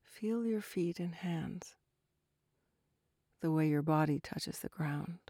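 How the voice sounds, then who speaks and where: A woman softly narrating a guided relaxation like a sleep story, with gentle, breathy, unhurried instructions that drift toward a whisper. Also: deep voice, no room sound, studio quality.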